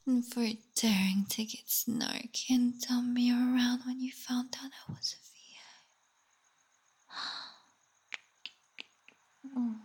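A woman whispers close and unhurried, her voice airy and breathy. She teases and taunts in a slightly higher register, humming and sighing softly between phrases. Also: little pitch movement. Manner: teasing, taunting whisper with soft hums and sighs. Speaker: voice actor. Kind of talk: whispered roleplay audio.

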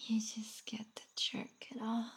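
A woman speaking in a teasing, taunting whisper for a roleplay audio, with soft hums and sighs between lines. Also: on the high side, monotone, a little slow. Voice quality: breathy. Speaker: voice actor.

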